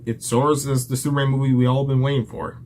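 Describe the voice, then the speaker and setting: A man's voice: medium pitch, level tone, fast talker, a little mellow, a little hiss or hum. A young man giving a casual, enthusiastic movie review, rambling with restarts and a little out of breath.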